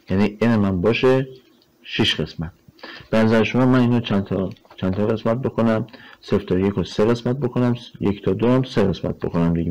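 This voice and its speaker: In a low-quality recording, a math teacher with a fairly low voice delivers a lecture, working through the problem step by step while drawing on a board. His manner is relaxed and conversational, and he answers his own rhetorical questions, using plenty of fillers.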